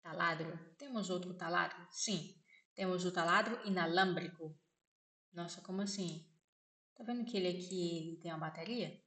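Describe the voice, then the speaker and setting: A Brazilian woman with a Brazilian Portuguese accent gives a casual spoken lesson, slowly repeating words and often checking with "né?". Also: on the low side, a bit bright. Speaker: vlogger teaching vocabulary. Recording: echoey room.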